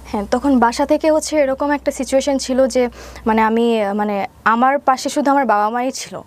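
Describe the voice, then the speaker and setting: Appearing as an interview guest, a young adult woman with a Bangladeshi accent tells her own story, mixing in English words. Her voice is high, her intonation fairly even, and her speed normal.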